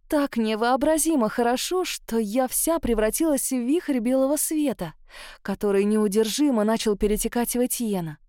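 A woman narrates a first-person novel in an expressive, engaged reading voice. Her pitch sits a little high. The recording is close and dry, with no room around it. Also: no room sound. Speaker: audiobook narrator.

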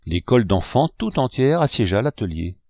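A man reading a classic novel aloud in a measured storytelling manner. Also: mid-range voice, sing-song, a little mellow, no echo, studio quality. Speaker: audiobook reader. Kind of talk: scripted narration.

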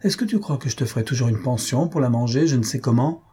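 A man's voice: mid-range voice, fast talker, mellow, husky. A man reading aloud, voicing a stern, irritable elderly aunt who scolds her nephew. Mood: scolding. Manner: scolding, indignant.

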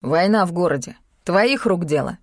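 A woman's voice: fairly low pitch, animated, normal speed, darkish tone, no echo, clean studio sound. A woman reading an audiobook, voicing an angry man who barks harsh commands.

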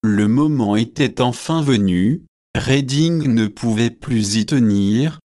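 Male narrator reading a novel out loud, really slow, mid-pitched voice. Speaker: audiobook narrator.

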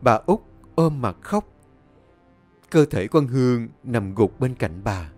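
A man's voice: expressive, slow pace, darkish tone, faint music behind. A man narrating a dramatic horror story and voicing its characters himself. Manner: voices each character with high pleading tones.

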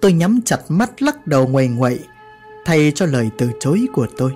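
A woman's voice: low voice, sing-song, a little fast, warm tone, soft background music. A woman narrating a first-person horror story in a scripted storytelling style.

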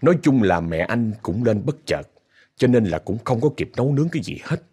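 Husky Southern Vietnamese storyteller man. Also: mid-range voice, sing-song, brisk, dark tone. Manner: chatty, addresses listeners directly, indignant asides. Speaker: ghost story narrator. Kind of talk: casual spoken storytelling.

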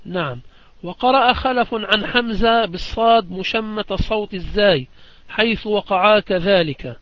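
Man teaching tajweed, high-pitched, explanatory and patient; dry, dull lo-fi sound. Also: dry recording. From Palestine. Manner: demonstrates recitations slowly and with emphasis, repeats phrases; explanatory, asks students whether it is clear. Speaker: sheikh teaching Quran recitation. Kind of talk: religious lesson on Quranic readings.

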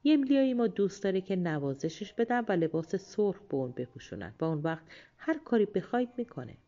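A woman's voice: mid-range voice, big pitch swings, mellow, highs cut off. A woman voicing village sisters-in-law, matter-of-fact, in a storybook. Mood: explaining.

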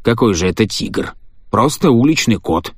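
A man's voice: mid-range voice, expressive, moderate pace, slightly rough, dry recording, clean studio sound. A man reading the part of a cold, impatient scientist husband in an audiobook, speaking curtly and with contempt. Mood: irritated. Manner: curt, impatient, sneering.

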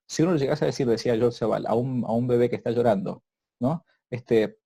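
Man, priest host, dark mellow tone, halting speech full of fillers. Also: mid-range voice, gravelly, breathy edge. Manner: hesitant, many repeated words and fillers. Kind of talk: casual interview chat.

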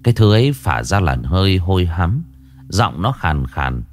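A man's voice: deep voice, sing-song, normal speed, soft background music. A man narrating a horror story in a dramatic, ominous way.

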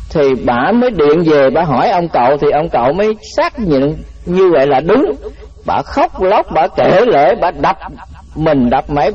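A Buddhist monk giving a dharma talk, telling folksy stories and often repeating words. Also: male voice, fairly high pitch, a little mellow, slightly rough. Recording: muffled lo-fi radio-like recording.

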